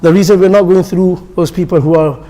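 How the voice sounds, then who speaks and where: A man with a high-pitched voice leads a pronunciation lesson for the call to prayer. He speaks patiently, repeating each point and demonstrating the sounds himself. His voice carries a long reverb from a large hall. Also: fairly even intonation, brisk, mellow. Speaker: instructor teaching the call to prayer. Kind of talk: classroom instruction. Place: mosque hall.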